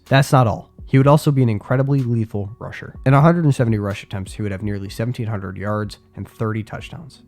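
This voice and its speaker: Narrating a scripted sports video over faint background music, a young man speaks in a fairly low, darkish, congested voice. He drops casual asides to his viewers along the way.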